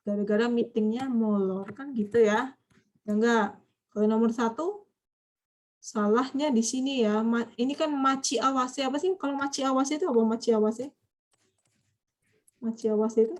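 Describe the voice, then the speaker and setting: A woman with a fairly high, slightly mellow voice teaches a Japanese vocabulary class. She quizzes her students constantly and prods them along when they are slow to answer.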